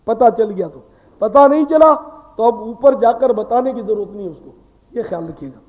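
A man giving a sermon, talking in an earnest, conversational way that lectures and asks rhetorical questions. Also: very high voice. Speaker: preacher. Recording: tinny phone-like sound with long hall reverb.

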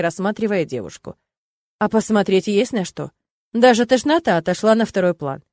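A woman narrating a first-person audiobook in an ironic, lively, expressive way. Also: mid-range voice, no echo, studio quality.

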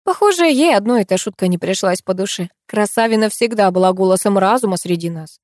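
A woman's voice: mid-range voice, animated, a little fast, darkish tone, dry recording, studio quality. A woman narrating a first-person audiobook expressively, voicing every character herself.

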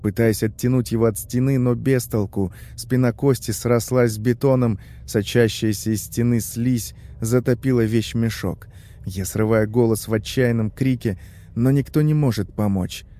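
A man narrating a first-person horror story in a tense, measured way. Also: medium pitch, fairly even intonation, mellow.

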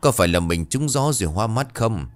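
A worried older country husband, as a male storyteller plays him, calling out in a low, trembling voice. His pitch swings widely as his fear mounts. Faint music sits under this audio ghost story. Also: lively intonation, fairly quick, natural voice. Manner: calls out loud, voice trembling. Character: anxious older rural husband.

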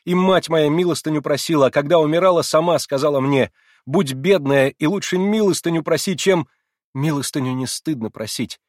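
A man reading aloud and voicing a distraught, defiant young orphan girl who shouts and sobs. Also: fairly quick, dry recording, clean studio sound, natural voice. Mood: furious. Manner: shrill, sobbing, shouting outbursts.

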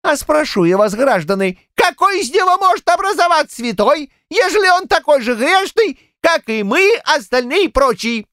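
A squeaky, cantankerous old village man, ranting in a shrill falsetto. The pitch jumps very high and swings wildly as he argues. The voice is dry and close. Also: big pitch swings, moderate pace, hardly any pauses, dry recording, exaggerated voice. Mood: argumentative. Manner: heated, rambling, shouting outbursts.

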